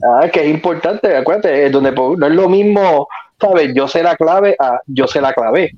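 A man's voice: a little high, normal speed. A Puerto Rican man co-hosting a podcast, joking playfully about words and how they are pronounced. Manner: playful, riffs on word pronunciations. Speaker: podcast co-host. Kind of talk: casual banter. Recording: dull lo-fi sound.

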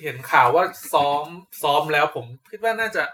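Fast-talking man telling stories. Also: on the high side, lively intonation, pushed and bright. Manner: storytelling, quick and chatty. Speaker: podcast co-host. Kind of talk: casual chat.

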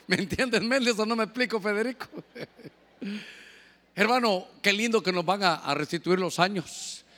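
A man preaching in a long-echoing church hall. His voice sits high and rings bright and forceful. He moves from fervent, building declarations to easy, joking asides to the congregation. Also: a little slow, long pauses. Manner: impassioned preaching mixed with chatty asides to the congregation. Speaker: pastor. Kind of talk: sermon.

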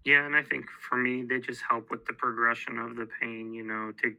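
A man co-hosting a podcast, a bereaved father speaking haltingly and reflectively about grief. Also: mid-range voice, steady tone, gravelly, bright, forceful tone, poor audio. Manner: halting, with restarts and fillers, searching for words.

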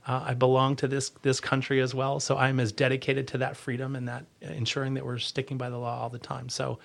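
Here the agency leader answers podcast interview questions sincerely but haltingly, often circling back to rephrase. He speaks at a medium pitch with a gravelly texture and an utterly flat delivery.

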